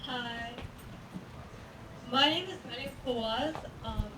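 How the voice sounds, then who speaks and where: A nineteen-year-old American woman giving an earnest, prepared statement at a press conference. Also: a little high. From United States. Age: young adult. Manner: earnest, measured, reading prepared remarks. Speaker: first-time voter giving a statement. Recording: echoey room, mic at a distance, faint noise.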